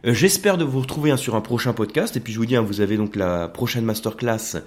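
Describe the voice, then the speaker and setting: A man's voice: mid-range voice, fast. A man hosting an educational wine podcast, explaining at length in a casual, hesitant way with many fillers.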